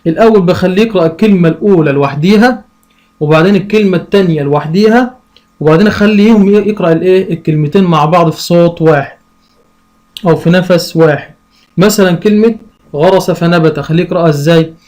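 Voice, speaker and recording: Reading teacher, male, Egyptian accent, slightly high, patient question-and-answer delivery. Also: a little mellow. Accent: Egyptian Arabic. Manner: slow, drawn-out syllable sounding; asks and answers his own questions. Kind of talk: lesson for parents.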